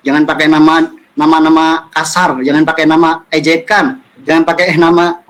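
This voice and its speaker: Lively man teaching children. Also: on the high side, poor audio. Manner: lively storytelling, acts out friends' lines, recites Quran verses slowly. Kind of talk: children's religious lesson.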